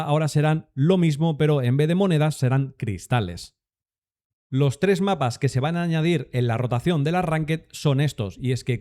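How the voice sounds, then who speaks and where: A man's voice: fairly high pitch, dark tone. A young man with a Spain Spanish accent, giving an upbeat rundown of a game update and addressing his viewers. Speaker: gaming content creator.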